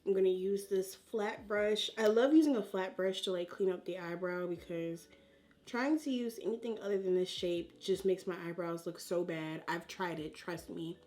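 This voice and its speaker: In a lowish, slightly mellow voice at a moderate pace, a woman does a beauty vlog tutorial. She puts on her makeup while talking to viewers like friends, in a casual, slangy manner.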